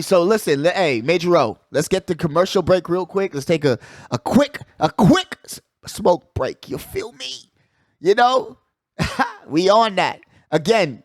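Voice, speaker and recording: A sports show host with a high voice delivers casual, slangy commentary in clean studio quality with no echo. He hypes his points like a hype man, repeats phrases for emphasis and uses frequent check-in phrases.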